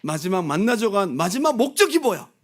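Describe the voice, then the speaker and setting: A male pastor preaching a sermon, asking the congregation direct questions and swinging from loud exclamations to soft asides. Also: high-pitched, sing-song, fairly quick.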